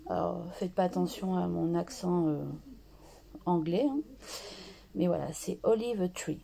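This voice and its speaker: A woman hosting a craft tutorial, slowly talking through her art journal steps with many pauses and restarts. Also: fairly low pitch, steady tone, creaky, dark tone. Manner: slow and hesitant, many fillers and restarts.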